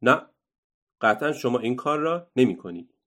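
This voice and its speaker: A man's voice: medium pitch, lively intonation, sharp tone, voice pushed up. A man doing a bold cheeky little girl. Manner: cheeky and friendly. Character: bold cheerful young girl, unbelievably strong.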